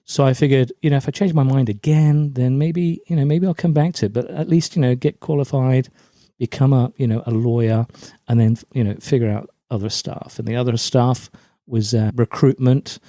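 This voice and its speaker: Heard in studio-quality audio without echo, this podcast guest speaks at normal speed in a mid-range, dark-toned voice. He's a middle-aged LinkedIn brand coach from Germany, raised in a British forces family, who answers in a chatty, anecdotal way.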